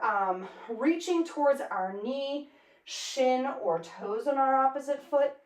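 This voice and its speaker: A woman fitness instructor cueing a workout class energetically while exercising, counting out reps. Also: on the high side. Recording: echoey room, mic at a distance.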